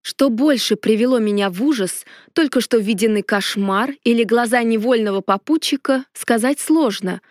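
A woman narrating a fantasy storybook in a lively first-person telling. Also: on the high side, moderate pace, few pauses, dry recording, studio quality. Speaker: audiobook narrator.

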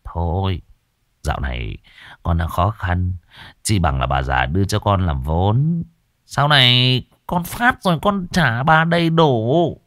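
A man voicing a brutish young gambler son, low and menacing as he wheedles and threatens his mother. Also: expressive, unhurried, a bit bright, dry recording, clean studio sound. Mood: scheming. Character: brutish grown son, gambler, violent bully.

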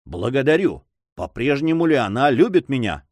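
A man's voice: mid-range voice, sing-song, normal speed, darkish tone, dry recording, pitched above the performer's own voice. A man voicing an eager young nobleman in love who pleads impatiently.

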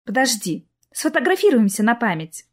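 A woman reading the lines of a charming, affectionate young woman who speaks gently and coyly. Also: fairly high pitch, big pitch swings, normal speed. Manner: gentle, coy.

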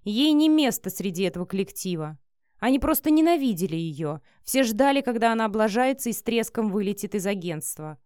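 A woman narrates an audiobook in an even, steady reading voice of middling pitch. The recording is dry and close, with no room sound. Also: brisk, no room sound.

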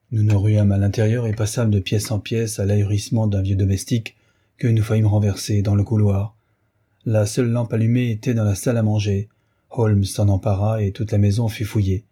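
A man's voice: lowish voice, dark tone, husky. Grave man narrating a story. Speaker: audiobook narrator. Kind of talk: scripted narration.

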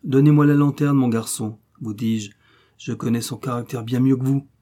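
Man voicing a resolute young traveler for an audiobook; firm, pressing delivery, mellow and a little husky. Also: medium pitch, little pitch movement, normal speed, natural voice. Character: bold young male traveler, determined.

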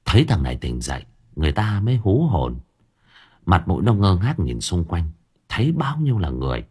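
A man narrating an audiobook story in a lively, expressive way. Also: low-pitched, a little fast, breathy edge.

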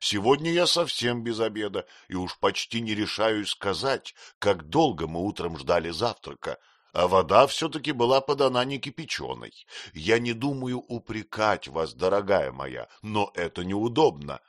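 A patient, earnest young husband, played by a male reader in his own low voice. He talks gently and reasonably, with a lot of movement in his pitch. The sound is dry and close. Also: lively intonation, moderate pace, dry recording. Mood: gentle.

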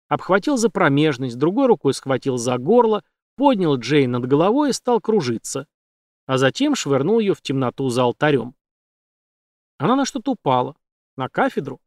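A man narrating an audiobook in a steady, dramatic reading. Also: medium pitch, dry recording, studio quality. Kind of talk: scripted narration.

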